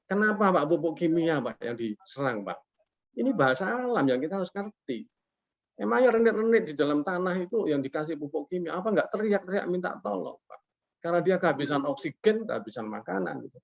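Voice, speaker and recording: Gravelly man explaining on a lo-fi call. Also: a little high, very animated, brisk. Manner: folksy, ends nearly every phrase with a polite "Pak"; poses rhetorical questions and answers them himself. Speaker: guest expert in a webinar. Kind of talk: casual explanatory talk over a webinar call. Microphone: video call. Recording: lo-fi online call audio.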